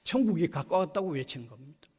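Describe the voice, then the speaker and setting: A man with a high, ringing voice delivers a sermon in a church sanctuary, pressing his points by saying key phrases twice. His words trail off into a long hall reverb. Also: lively intonation, fast talker, mellow, breathy edge. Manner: emphatic preaching, repeating key phrases. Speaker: pastor.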